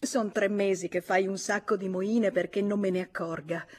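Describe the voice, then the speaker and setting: A woman voicing a furious, indignant jilted lover who shouts her accusations in a radio audiobook reading. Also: mid-range voice, fairly even intonation, normal speed, close to an everyday voice. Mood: furious, accusing.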